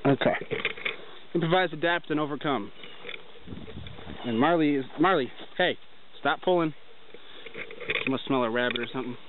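Speaking at a normal speed with long pauses, this young man has a fairly high voice. He's a hiker filming his trip through a forest, narrating casually and rambling as he walks. His handheld camera, held at arm's length, yields tinny lo-fi sound with a little noise.

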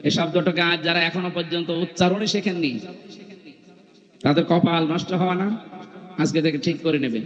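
A man's voice: a little high, steady tone, moderate pace, pauses often. A male preacher giving a sermon at a large open-air evening gathering, emphatic and chiding with touches of humor, through a stage microphone. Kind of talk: Islamic sermon at an outdoor gathering. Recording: muffled hall echo from PA.

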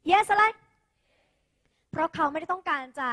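A high, bright-voiced Thai woman teaches English to a class of students. She coaxes them along playfully and keeps drilling their pronunciation. Her voice rings with long hall reverb, as if it was caught on a phone. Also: normal speed. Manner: lively, calls students "kids" and "dear", drills pronunciation. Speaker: English tutor. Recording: echoey hall, phone recording.

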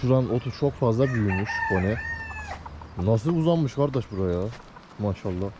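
A man's voice: on the low side, animated, normal speed, highs cut off. A man filming his poultry on a head-mounted camera outdoors at a coop, chatting casually to viewers and cooing at his dog and chicks. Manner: affectionate baby talk to his dog and chicks. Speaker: poultry keeper vlogger. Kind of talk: casual chat with viewers and animals. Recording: loud farmyard noise behind the voice. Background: loud chickens and roosters.

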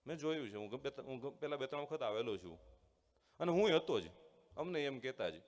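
A man who is a former student giving a motivational speech with a story to schoolchildren, earnest, acting out voices and slowing down for key points. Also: mid-range voice, lively intonation. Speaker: guest speaker, former student addressing schoolchildren. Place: large hall at a school event. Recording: long hall reverb.

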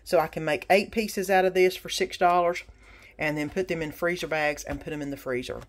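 A woman's voice: low-pitched, steady tone, fairly quick. Chatty woman showing groceries. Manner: chatty, practical, with frequent ums and sale prices. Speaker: grocery haul vlogger. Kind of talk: casual haul walkthrough. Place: home kitchen, indoors. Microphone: phone camera over a kitchen counter.

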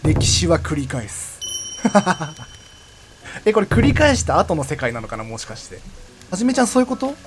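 A young man giving casual commentary while streaming a game, chatty and laughing often, with sudden loud outbursts. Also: on the high side, huge pitch swings, moderate pace. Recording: game music playing behind the voice. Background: background game music.

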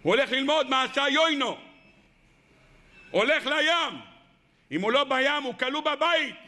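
A male rabbi preaches with impassioned storytelling and acts out the voices in his stories. His voice sits very high and rings bright. He speaks directly and with animation to a listening audience. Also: animated. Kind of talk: sermon.

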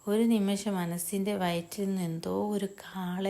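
Gravelly storytelling woman. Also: mid-range voice, flat delivery, moderate pace. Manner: warm motherly storytelling, voicing family members. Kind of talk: family story narration with voiced dialogue.

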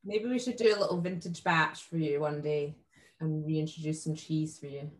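A woman's voice: deep voice, fairly even intonation, normal speed. A woman hosting a casual chat, asking short, curious questions of her guest. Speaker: host.

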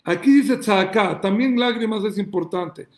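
Male rabbi, fiery question-and-answer sermon delivery, high-pitched, recorded in a reverberant room. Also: unhurried. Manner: emphatic preacher, asks and answers his own questions, shouts calls to God.

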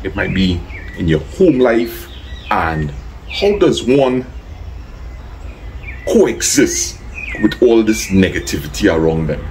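A man's voice: low-pitched, sing-song, takes it slowly, long pauses, darkish tone, slight background noise, low-quality recording. A man with a Trinidadian accent, chatting casually to his viewers and thanking people by name. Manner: easygoing, thanks people by name, gives plain advice. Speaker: vlogger. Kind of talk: casual vlog chat.

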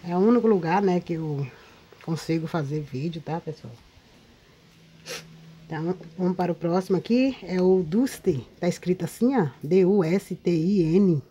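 A Brazilian woman who makes paper craft videos chats with her viewers in a casual show-and-tell vlog, often adding little tag questions to check in. Her voice is lowish and mellow, at a normal pace, with a Brazilian Portuguese accent. She's outdoors in a windy spot, with faint ambience and a little hiss or hum in the recording.

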